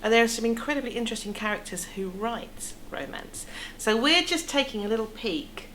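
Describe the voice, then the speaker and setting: On poor audio with clearly audible room noise, a middle-aged Englishwoman speaks in an animated, somewhat high, fairly bright voice, a little fast. A theatre producer, she explains things chattily during a casual interview in the café seating area of an indoor theatre foyer.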